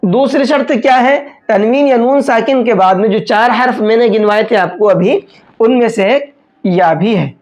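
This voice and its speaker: A man teaching a step-by-step recitation lesson. He explains each rule patiently, often checks that it is understood, and draws out slow examples. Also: very high-pitched, a little mellow. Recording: dull lo-fi recording.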